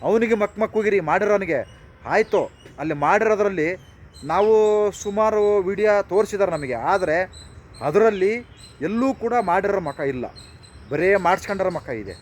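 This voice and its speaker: Fast, high-voiced man ranting outdoors. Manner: rhetorical questions, repeated phrases. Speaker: political commentator. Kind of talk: impassioned monologue.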